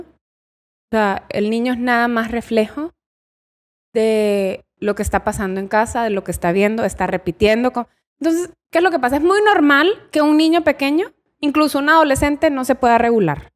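Brief: woman in her thirties, guest psychologist, fairly high voice, calm and explanatory. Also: normal speed. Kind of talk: casual interview chat.

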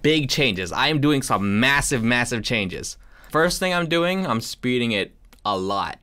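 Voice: mid-range voice, animated, measured pace, fairly bright tone. A music producer in casual studio chat with viewers, loose and chatty, full of likes and small laughs.

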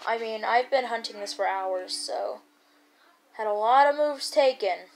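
A woman giving casual gameplay commentary as a YouTuber, rambling and chatty with excited bursts. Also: fairly high pitch, unhurried. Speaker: gaming YouTuber.

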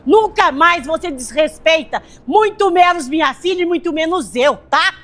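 Woman as a stern, commanding mother, Brazilian accent, very high voice. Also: expressive, normal speed, fairly bright tone. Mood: scolding. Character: protective, fiery mother, middle-aged woman.

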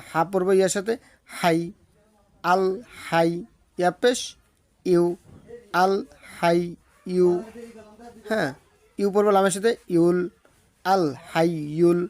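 Man, Bangladeshi Bengali accent, patient letter-by-letter teaching, slow drawn-out chanting, fairly high voice, dry close sound. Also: a little mellow, no echo. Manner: slow sing-song drawn-out recitation of words; patient methodical letter-by-letter spelling. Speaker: Quran recitation teacher. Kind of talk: spelling-out recitation lesson.

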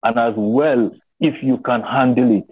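A man's voice: mid-range voice, steady tone, a little slow, breathy edge, no room sound. Young Nigerian man on a tinny line. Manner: thoughtful, repeats phrases and asks "you understand?". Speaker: guest explaining his tribe's customs. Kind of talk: casual video call discussion. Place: small indoor room. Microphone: laptop webcam on video call. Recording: tinny phone-line sound.

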